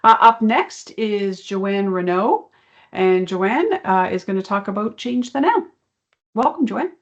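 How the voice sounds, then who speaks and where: A woman's voice: medium pitch, lively intonation, measured pace. A woman moderating an online session, introducing the next speaker politely, her voice muffled as if heard through a wall. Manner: polite, appreciative. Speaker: event moderator. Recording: dull lo-fi sound from far off the mic.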